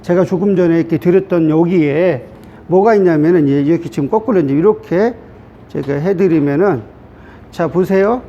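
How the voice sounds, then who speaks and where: A man's voice: normal speed, mellow. A middle-aged man, a pastor, giving a chatty classroom lecture on the Greek alphabet, checking in with the class often. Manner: chatty, repetitive, asks class "됐죠?". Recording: dull low-fi sound with faint hiss.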